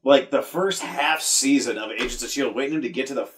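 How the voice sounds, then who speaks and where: A man's voice: medium pitch, a little fast, a little hiss or hum. A man co-hosting a podcast in casual chat, explaining at length with frequent "uh" fillers. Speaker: podcast co-host.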